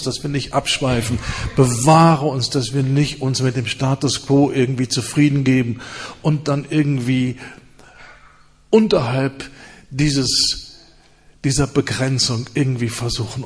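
Husky-voiced man preaching fervently. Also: mid-range voice. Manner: fervent, repetitive prayer cadence with hushed stretches. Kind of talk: sermon and prayer.

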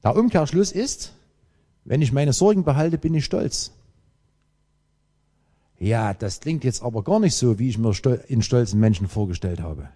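A man preaching a sermon, emphatic and lively, with dramatic pauses. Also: medium pitch. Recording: long hall reverb.

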